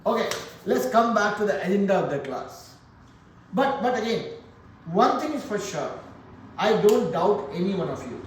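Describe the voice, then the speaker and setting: A male math teacher in a classroom, cracking jokes and urging his students to trust themselves. His voice sits fairly high for a man. It echoes heavily, picked up from a distance. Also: sing-song, moderate pace, a little hiss or hum. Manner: joking, motivational, addresses class directly. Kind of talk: classroom lesson.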